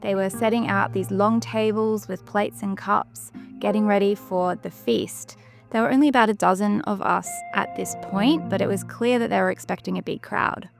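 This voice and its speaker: A woman giving scripted travel narration in a measured, descriptive storytelling manner. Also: mid-range voice, steady tone, creaky, soft background music. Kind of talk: scripted documentary-style narration.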